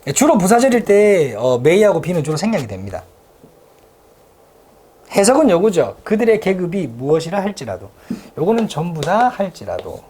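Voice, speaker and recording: A teacher giving a casual grammar lecture in a classroom, explaining things with quick rhetorical questions. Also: mid-range voice, sing-song, dark tone, breathy edge. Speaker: English teacher. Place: classroom with a blackboard.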